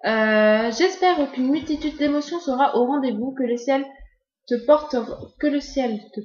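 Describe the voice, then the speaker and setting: Young woman, book vlogger, halting delivery, slightly high voice, roomy and muffled sound. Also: a little mellow. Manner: hesitant, many fillers and restarts. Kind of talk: casual vlog chat.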